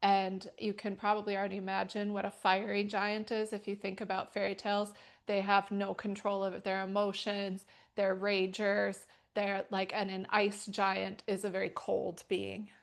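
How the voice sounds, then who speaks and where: Woman talking casually with a flat pitch. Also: moderate pace, gravelly. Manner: rambling, many fillers like um and like. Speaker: yoga teacher and storyteller. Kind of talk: casual teaching talk. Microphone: wearing a microphone.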